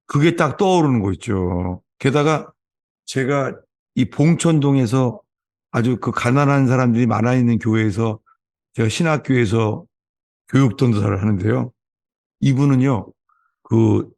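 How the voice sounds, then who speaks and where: Korean pastor telling sermon anecdotes. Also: male voice, medium pitch, a little mellow. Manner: storytelling, acts out quoted voices. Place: church sanctuary.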